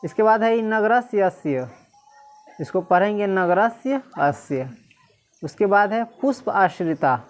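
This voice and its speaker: A woman teacher, reading Sanskrit slowly syllable by syllable and quizzing the class again and again. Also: medium pitch, lively intonation. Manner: repeatedly quizzes listeners, slow syllable-by-syllable reading.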